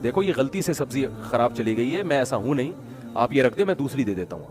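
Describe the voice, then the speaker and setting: A man's voice: medium pitch, expressive, music in the background, pitched below the performer's own voice, natural voice. A man doing a proud, stubborn poor vegetable seller. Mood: hurt, firm.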